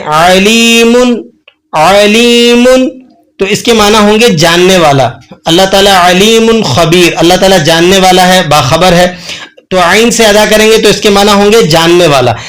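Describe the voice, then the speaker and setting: A man teaches tajweed in a patient lesson. He sounds out Arabic letters slowly and draws them out, repeating each one as an example for the learner. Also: high-pitched, a bit bright. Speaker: Quran recitation teacher.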